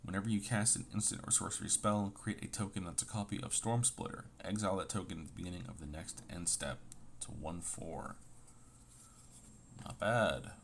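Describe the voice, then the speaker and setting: A man with a low, fry-tinged voice talks casually at a normal speed while opening trading card packs, sore throat and all. He reads the card names aloud and tosses in playful asides, with slight background noise.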